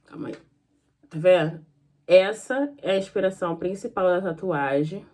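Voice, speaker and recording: A woman's voice: lowish voice, moderate pace, a little mellow. A young woman chatting in a casual vlog, telling a story in a rambling way and acting out both sides of the conversation. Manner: chatty, rambling, often says "gente" and "falei assim". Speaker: vlogger.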